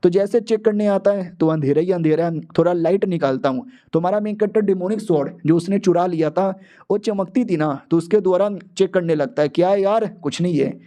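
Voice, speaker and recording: A man's voice: high voice, brisk, mellow. A man narrating a comic-book recap in a casual, slangy, playful way.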